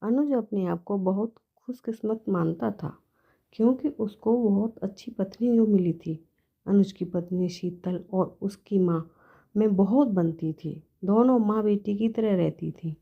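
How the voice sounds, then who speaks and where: A woman's voice: medium pitch, a little slow, gravelly, breathy edge, phone-quality sound. A woman storyteller reading an emotional family story aloud in a plain, earnest way.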